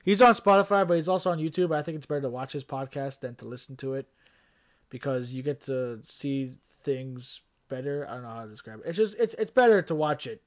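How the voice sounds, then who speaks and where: A man co-hosting a casual podcast, swearing freely and breaking into laughter and loud outbursts. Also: medium pitch, fairly quick. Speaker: podcast co-host.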